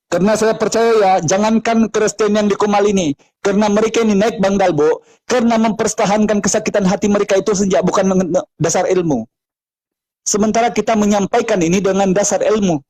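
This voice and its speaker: A man's voice: sits high, steady tone, a little fast, a little mellow, rough recording. A man with an Indonesian accent, a preacher in a heated live debate who presses the same question again and again. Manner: insistent, repeats questions.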